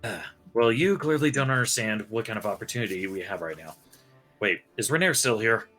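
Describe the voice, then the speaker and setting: Male RPG player, low and forceful, blunt informal delivery, music faintly behind. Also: animated, fairly quick. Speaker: tabletop game player. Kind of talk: casual in-character role-play and play narration. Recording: music under the voice.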